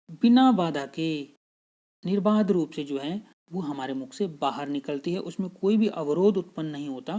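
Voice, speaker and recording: A man's voice: a little high, mellow. A man teaching a grammar lesson patiently, repeating each point and checking in with his students. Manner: patient, repeats points, frequent "theek hai" check-ins.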